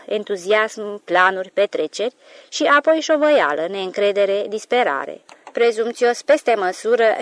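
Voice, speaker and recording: A woman narrating an audiobook of a literary novel in a calm, measured storytelling voice. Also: medium pitch, dry recording.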